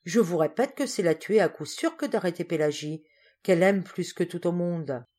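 A woman's voice: fairly low pitch, normal speed, darkish tone, close to an everyday voice. A woman reading the part of an impassioned young man pleading with his father, in a fervent, declamatory way. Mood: indignant.

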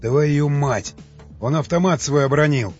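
A blunt, rough-spoken wanderer who feeds on men, talking in street slang, as an audiobook reader puts him on. The voice sits in an ordinary male range, comes over slightly dull and lo-fi, and has faint music underneath. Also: medium pitch, animated, normal speed, a little mellow, close to an everyday voice. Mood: gruff. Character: gruff male cannibal wanderer, sensing things.

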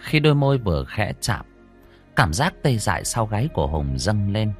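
A man narrating a dramatic story in an expressive storytelling manner. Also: on the low side, moderate pace, faint music behind. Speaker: audiobook narrator.

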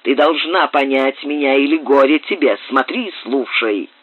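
A greedy, menacing father voiced by a man reading an audiobook who gives orders in a low, domineering voice. The sound is dry and thin, almost phone-like. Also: moderate pace, husky, dry recording, natural voice. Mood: commanding. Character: greedy, menacing middle-aged father who sells his daughter.

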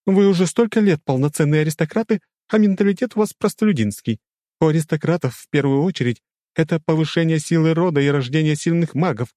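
A man's voice: on the high side, quick pace, warm tone, no echo, clean studio sound, pitched above the performer's own voice, lightly acted. A man voicing an indignant young noblewoman who lectures others with scorn. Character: haughty scolding young noblewoman.

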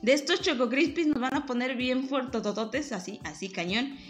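Lively Mexican woman telling stories. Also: sits high, normal speed, soft background music. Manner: lively storyteller, laughs often, acts out voices. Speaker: podcast host. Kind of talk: casual chat.

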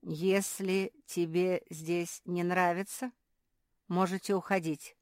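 A woman's voice: mid-range voice, animated, measured pace, no echo, studio quality, pitched above the performer's own voice, natural voice. A woman voicing a sly old male shopkeeper with ingratiating, sing-song sales patter, in an audiobook. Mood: cool. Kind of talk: audiobook character voice.

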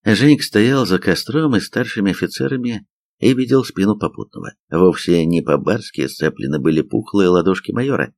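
A man narrating an audiobook in an expressive reading manner. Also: deep voice, normal speed, creaky, no room sound. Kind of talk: scripted narration.

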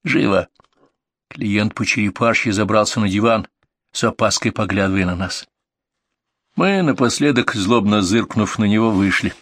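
A man narrates a first-person story in a low, even voice. He keeps a matter-of-fact storyteller's manner. The sound is dry and close, with no room around it. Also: moderate pace, dry recording. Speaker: audiobook reader.

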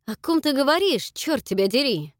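A man's voice: high voice, animated, normal speed, no room sound, studio quality. A woman doing Jack, a blunt demanding man. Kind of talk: audiobook character voice.

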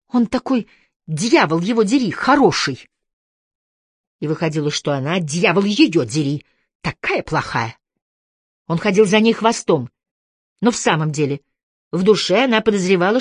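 A woman narrating a literary audiobook in a measured, expressive way. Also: fairly low pitch, husky, dry recording, studio quality.

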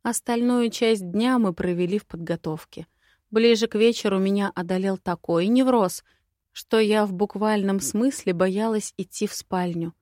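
A woman narrating a first-person audiobook with a lively, expressive reading. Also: medium pitch, normal speed, no echo, studio quality. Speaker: audiobook reader.

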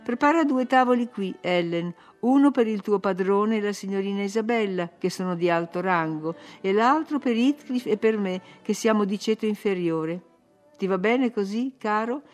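A woman reading an audiobook, voicing a passionate young lady of the house who sounds breathless and high-strung. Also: normal speed, faint music behind, lightly acted. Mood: insistent.

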